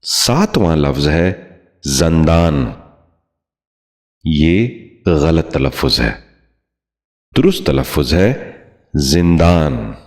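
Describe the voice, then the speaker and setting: A man giving a scripted pronunciation lesson, speaking slowly and formally and repeating each word with care. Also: very deep voice, big pitch swings. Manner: formal courteous address. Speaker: Urdu pronunciation teacher.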